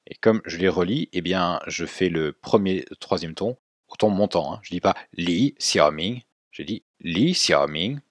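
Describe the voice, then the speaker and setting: A man teaching a language lesson, explaining clearly and slowing right down to model words for students to repeat. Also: deep voice, no echo. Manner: clear didactic explaining, slow drawn-out model pronunciations for repetition.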